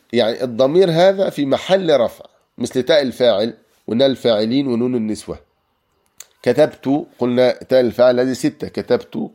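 A man teaching a grammar class. His voice is mellow and sits at a middle pitch. He explains each rule patiently, repeats his examples, and pauses on hesitant fillers.

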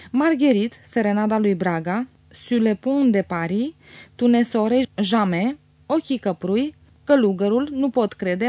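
Measured woman reading a classic novel. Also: medium pitch, darkish tone, no echo. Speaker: audiobook narrator. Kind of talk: literary audiobook reading.

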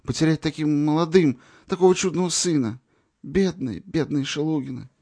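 A man's voice: normal speed, darkish tone, husky. A man voicing an anxious young nurse. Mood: grieving. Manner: high, urgent.

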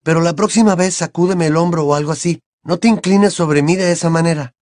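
A man's voice: fairly high pitch, fairly quick, a little mellow, no room sound, voice pushed up, close to an everyday voice. A man voicing a teenage boy wizard who talks in a dry, slightly exasperated way. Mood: wry. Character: teenage boy wizard, wry and a little defensive.

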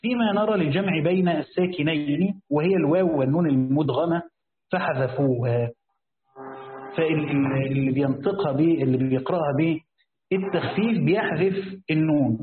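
Egyptian man, sheikh, brisk text reading, casual asides, echoey room, tinny phone-like sound, faint hiss. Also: on the high side. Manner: switches between formal reading and casual asides, thinking aloud. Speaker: sheikh reading and explaining a Quran commentary. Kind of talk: classical text reading with colloquial explanation.

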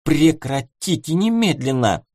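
Audiobook figure: a man playing a young baroness, pitched high and girlish, lively, reproachful, dry close sound. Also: a little slow, no room sound. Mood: prim, curious. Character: young flustered noble girl, curious baroness.

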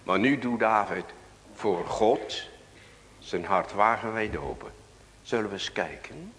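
Dutch pastor with a lively, lower voice. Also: male voice, slow pace, long reverb tail, slight background noise. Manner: reads scripture aloud, asks the congregation questions. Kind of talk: sermon.

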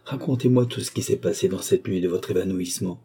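Anxious young nobleman, pressing and urgent, read by a man with a low husky voice, audiobook. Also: quick pace, warm tone, full character voice. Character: anxious young nobleman questioning his sister. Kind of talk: audiobook character reading.

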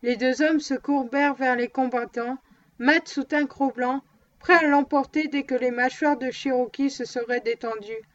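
Woman, audiobook reader, steady even narration, high voice, muffled recording. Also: moderate pace, dry recording. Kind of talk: novel read aloud.

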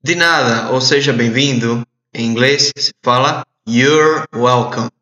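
A man teaching English in a recorded audio lesson, repeating phrases slowly and clearly for learners to translate. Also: medium pitch, pushed and bright. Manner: slow, deliberate drilling with repeated phrases. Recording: echoey, dull lo-fi audio.

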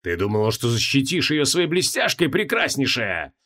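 A man voicing a menacing archdemon in an audiobook, speaking in a hoarse, growling, slow way. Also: mid-range voice, a little mellow, lightly acted. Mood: snarling rage. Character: menacing male archdemon, wrathful former mage.

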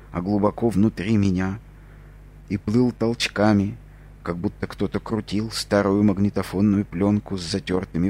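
A man's voice: fairly low pitch, a little mellow, husky. A man reading a novel aloud in the first person, dramatic and intense. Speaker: audiobook reader.

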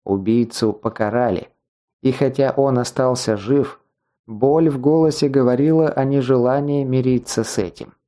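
A man narrating an audiobook in a measured, even storytelling manner. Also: mid-range voice. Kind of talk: scripted narration.

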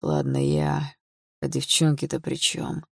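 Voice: medium pitch, sing-song, unhurried, gravelly, no room sound, heavily acted. An audiobook reader voicing a rich, bullying older father who barks orders harshly, in a dry, close recording. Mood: grim. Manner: barking, harsh, commanding. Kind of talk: audiobook character voice.

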